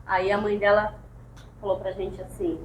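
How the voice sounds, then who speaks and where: A woman with a Brazilian Portuguese accent telling a short anecdote in a training session, pausing to search for words. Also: mid-range voice, flat delivery, slight background noise. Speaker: participant. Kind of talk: casual anecdote. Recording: echoey room, off-mic, faint background.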